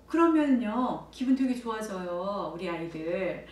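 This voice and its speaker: A woman directing a child training center, explaining parenting methods to camera in an animated way and acting out bright exclamations to children. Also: medium pitch, unhurried. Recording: echoey room, voice a bit far from mic, faint background noise.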